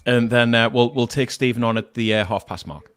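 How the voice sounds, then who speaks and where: A man hosting an online meetup in a friendly, lively way over a video call. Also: mid-range voice, a little fast, smooth. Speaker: meetup host.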